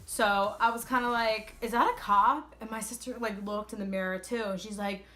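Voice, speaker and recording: A woman's voice: mid-range voice, brisk, faint music behind. A woman in her twenties, a vlogger telling a casual, chatty story and acting out bits of dialogue as she goes. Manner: animated retelling with quoted dialogue.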